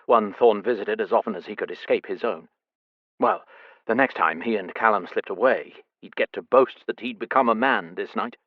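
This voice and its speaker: A man reading a historical romance audiobook in a measured, expressive storytelling manner. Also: medium pitch, dry recording, muffled recording. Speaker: audiobook narrator. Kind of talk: scripted audiobook narration.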